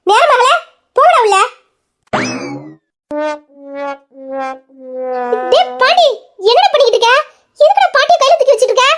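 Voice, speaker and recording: A woman's voice: extremely high pitch, lively intonation, quick pace, very noisy. A woman playing a bossy, exasperated big sister. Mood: scolding. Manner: scolding, exasperated questions. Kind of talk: comic storybook voice acting.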